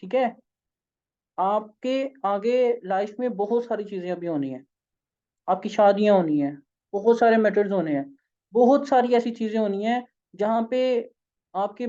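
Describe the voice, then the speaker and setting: A hoarse, tired man with a Pakistani accent, leading an online sales training session in an informal, coaxing way. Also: high-pitched, normal speed, warm tone, lo-fi sound. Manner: informal, coaxing, keeps saying "okay". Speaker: sales trainer and company founder.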